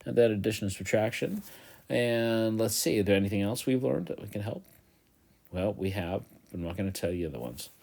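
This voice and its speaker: Male teacher, low voice, casual and playful, talks students through a math review one step at a time. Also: expressive, vocal fry, a little mellow. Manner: chatty, joking asides, repeats steps slowly. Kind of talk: recorded math review lesson. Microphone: tablet voice-over of a whiteboard.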